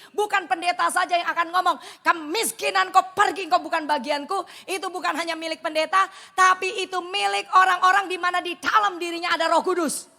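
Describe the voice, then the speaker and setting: High, gravelly woman preaching in a hall. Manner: animated storytelling, acting out dialogue. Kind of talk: sermon. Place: large church hall. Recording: long hall reverb.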